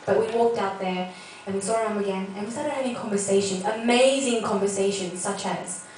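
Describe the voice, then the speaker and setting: A woman's voice: medium pitch, a little fast, a little mellow. Earnest young woman telling a testimony, echoey. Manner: earnest, heartfelt storytelling. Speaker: speaker sharing a personal testimony. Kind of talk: spoken personal testimony. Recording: echoey, distant mic with faint noise.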